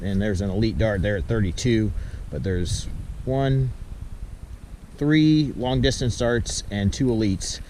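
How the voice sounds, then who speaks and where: A toy blaster reviewer tests a product outdoors in a yard by a pond, talking in a casual, matter-of-fact way. His voice is on the low side, a little slow and a little mellow, with faint outdoor background noise.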